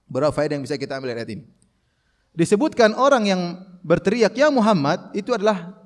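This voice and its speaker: Male preacher, high-pitched, animated sermon, lecture hall with long reverb. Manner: animated, mimics shouting callers with raised voice; recites Arabic verses slowly. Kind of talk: Quranic commentary lecture.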